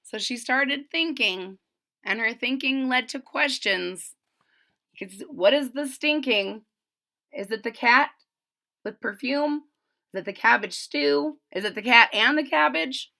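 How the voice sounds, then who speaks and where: A woman with a slightly high, gravelly voice reads a rhyming children's picture book aloud as a storyteller. She's expressive and drops chatty asides to her listeners between rhymes.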